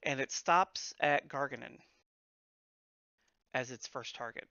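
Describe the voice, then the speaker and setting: A man acting as game master, casually narrating a tabletop game with measured, hesitant turn announcements. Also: mid-range voice, gravelly, pushed and bright, dry recording, dull audio.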